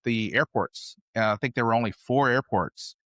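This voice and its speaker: A man's voice: medium pitch, normal speed, fairly bright tone, dry recording, studio quality. An American man in his fifties, a podcast guest telling his travel stories in a rambling, conversational way. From United States. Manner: rambling, conversational, loosely strung anecdotes. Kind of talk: casual interview storytelling.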